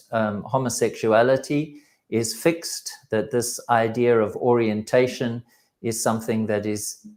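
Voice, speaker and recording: A man's voice: lowish voice, a little mellow. A man co-hosting a discussion program, talking in a hesitant way as he leads the talk and cues the clips. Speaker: co-host.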